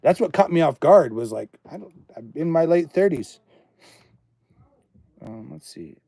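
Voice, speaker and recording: His voice is on the high side for a man in his late thirties, expressive and mellow with some vocal fry, delivered at a measured pace with no echo. He's chatting casually on a livestream from his home studio, rambling between topics as he thinks aloud.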